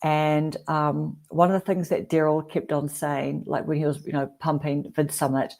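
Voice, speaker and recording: A woman's voice: sits low, little pitch movement, moderate pace, creaky, a little mellow. A woman in her forties with a New Zealand accent, hosting a casual livestream chat and telling rambling stories with lots of fillers. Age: 40s. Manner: chatty, rambling storyteller with frequent fillers. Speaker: livestream host.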